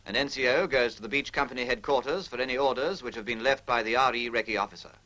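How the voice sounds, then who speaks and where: Fast, bright, and forceful, this mid-range male voice belongs to a British narrator reading a formal script. It echoes a 1940s military training film, delivered with precise, instructional impersonality.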